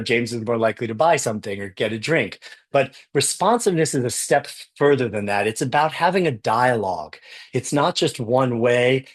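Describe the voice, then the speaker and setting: A man giving a conference keynote, enthusiastic, often repeating words as he goes. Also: medium pitch. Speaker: conference speaker. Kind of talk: keynote talk.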